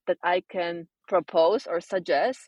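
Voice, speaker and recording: A woman with a Polish accent, a designer and coach speaking casually as an interview guest, thoughtful and pausing to search for words. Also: lowish voice, a little mellow, no room sound, highs cut off. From Poland.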